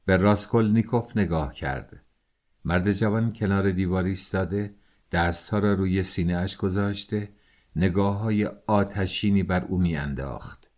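A man narrating an audiobook in a measured, steady way. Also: low voice.

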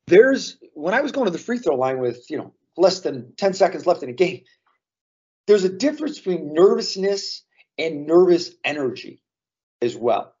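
A man's voice: on the high side, very animated, moderate pace, darkish tone, breathy edge, highs cut off. A man co-hosting a casual podcast, talking earnestly and drawing lessons from sports memories. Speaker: podcast co-host.

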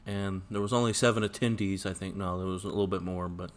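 A man's voice: sits low, fairly even intonation, fast. A man co-hosting a podcast in casual conversation, recorded in an echoey church sanctuary. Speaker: podcast co-host. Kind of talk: casual chat.

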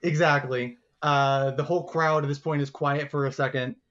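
A man narrating a tabletop game as game master, animated and laughing as he describes the scene. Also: fairly high pitch, highs cut off. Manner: animated, laughing, doing quick voices for crowd figures.

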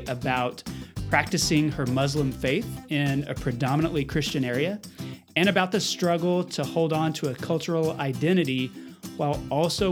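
A man hosting an interview podcast, asking questions in a friendly, conversational way. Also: on the high side. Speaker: podcast host. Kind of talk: casual interview.

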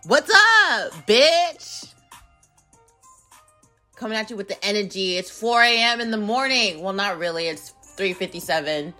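A woman in her twenties hosting her own podcast in casual, playful chat that swings between loud bursts and low mumbles. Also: big pitch swings, measured pace. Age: 20s. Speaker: podcast host. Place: home in Arizona. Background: music beat playing.

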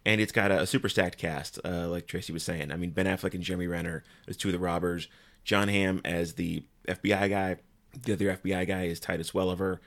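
Deep-voiced man recapping a movie. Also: steady tone, fast talker, a bit bright. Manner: easygoing, explains plots, uses "like" often. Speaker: podcast host. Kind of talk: casual movie podcast recap.

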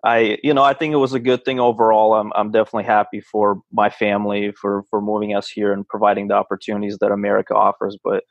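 A man's voice: lowish voice, little pitch movement, quick pace, vocal fry, few pauses, no room sound, lo-fi sound. A man from Russia, a guest on a podcast, answering hesitantly with many fillers. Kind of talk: casual interview answers.

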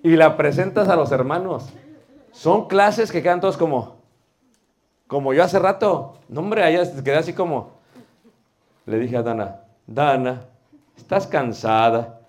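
Mexican man, preaching instructor, lively lecture style, peppers in rhetorical questions. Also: on the high side, normal speed, pauses often. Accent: Mexican Spanish. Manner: animated, asks rhetorical questions, homely cooking comparisons.

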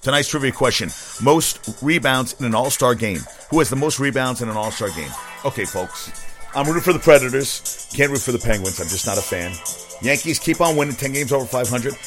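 A man's voice: mid-range voice, lively intonation, brisk, a bit bright, faint music behind. A man hosting his own sports podcast, rambling casually from topic to topic and swearing freely. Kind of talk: casual solo sports talk.

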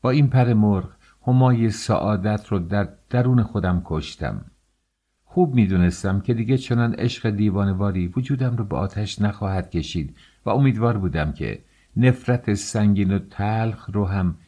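A man narrating a novel as an audiobook in a measured, expressive reading. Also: fairly low pitch.

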